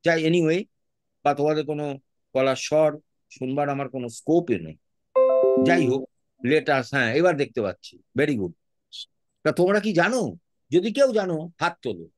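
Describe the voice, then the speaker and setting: A man's voice: a little high, lively intonation, moderate pace, long pauses, soft background music. A man with a Bengali accent teaching an online class, patiently spelling words out letter by letter and mixing English into his speech.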